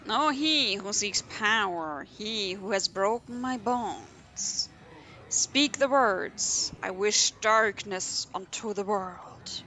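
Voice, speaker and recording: A woman voicing an ancient, menacing male demon from a video game, speaking slowly and commandingly. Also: medium pitch, bright, forceful tone, slight background noise. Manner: slow, drawn-out, commanding delivery.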